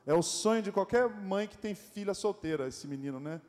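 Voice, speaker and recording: A pastor with a Brazilian accent preaching a sermon in a church, animated and joking, often asking the congregation rhetorical questions. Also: male voice, high-pitched, moderate pace. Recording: echoey church hall.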